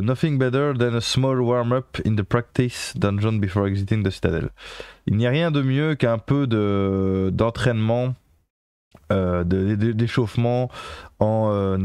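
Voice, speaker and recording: In casual live game commentary, a French-accented man reads on-screen text aloud and translates it, stumbling through fillers and self-corrections while thanking and chatting with his viewers. His voice sits on the low side, unhurried, darkish, clear and resonant. There's no echo; it sounds studio quality.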